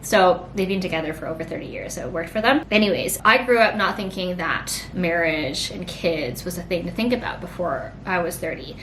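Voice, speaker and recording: A woman's voice: fairly quick, few pauses, a bit bright. A woman in her late twenties chatting casually through a pregnancy Q&A, rambling and filling her sentences with "like". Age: late 20s. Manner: rambling, heavy use of "like". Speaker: vlogger. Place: home. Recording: echoey room, faint rumble.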